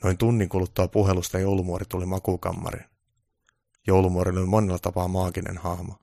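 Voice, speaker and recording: A man narrating a comic storybook in a deadpan way. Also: sits low, creaky, dry recording, studio quality.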